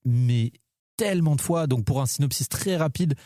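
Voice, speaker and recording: Warm-voiced man, eager film chat. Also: medium pitch, moderate pace, dry recording, clean studio sound. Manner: enthusiastic, many fillers and restarts. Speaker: podcast co-host. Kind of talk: casual film podcast chat.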